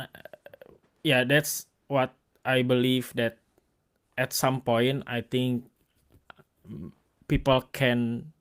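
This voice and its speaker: A man from Indonesia with an Indonesian accent, hosting a casual interview, speaking in halting bursts full of restarts and fillers. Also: medium pitch, a bit bright. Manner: halting, restarts words, many likes and fillers. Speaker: host and photographer.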